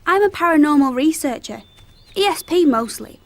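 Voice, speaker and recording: An earnest woman with a high voice in an audio drama. She is self-assured and states strange beliefs as plain fact, like a know-it-all. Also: lively intonation, normal speed.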